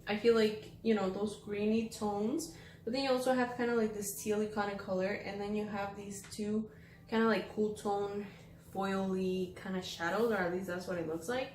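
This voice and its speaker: A woman's voice: mid-range voice, steady tone, moderate pace, a little mellow, echoey room, slight background noise. A woman beauty vlogger chatting casually through a makeup tutorial, full of fillers and the odd swear word.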